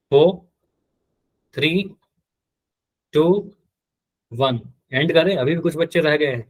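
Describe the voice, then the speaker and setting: A man teaching a live online math class, patient and repetitive, often quizzing his students. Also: fairly high pitch. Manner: patient, repeats key terms and quizzes students.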